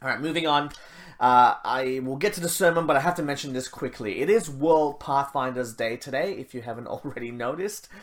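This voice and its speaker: A man's voice: medium pitch, fairly quick. A man from Malaysia, a pastor, giving church announcements and opening a prayer in a chatty way with self-deprecating asides. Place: church service, streamed live.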